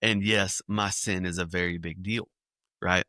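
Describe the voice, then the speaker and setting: A man, a children's ministry speaker, telling lively illustrative stories in a podcast interview. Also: low voice, a little slow, no echo, studio quality. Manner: animated storyteller acting out scenes.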